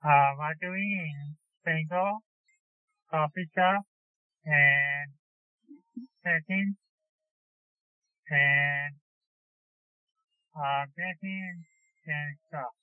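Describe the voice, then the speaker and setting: A man taking part in an interview over a phone line, giving short, simple, halting answers. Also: on the high side, clear, resonant tone, no room sound. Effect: heard over a phone line. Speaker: interview guest. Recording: tinny dry phone line.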